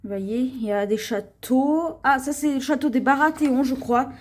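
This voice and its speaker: Her voice sits high as she presents her shopping purchases in a relaxed, talkative vlog. Speaking slowly, she keeps directing viewers' attention with frequent "voyez," stumbling over words now and then and starting names over.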